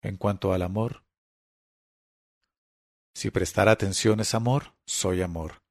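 An earnest father played by a man reasons slowly and gently in a low, quiet voice. His words come measured, with a gravelly texture in a dry, close reading. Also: fairly even intonation, no room sound, heavily acted. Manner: slow, measured pleading. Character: calm, earnest father making his case.

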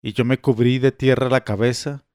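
A man reading a classic tale as a storybook narrator, steady and measured. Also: medium pitch, clear, resonant tone, no room sound, clean studio sound.

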